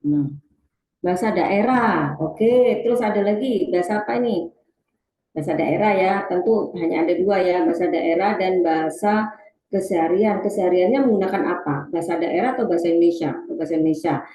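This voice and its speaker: A woman's voice: lowish voice, fairly quick, warm tone, reverberant, poor audio. A woman presenting an online webinar on teaching reading, talking to the audience and reading out chat replies with many fillers.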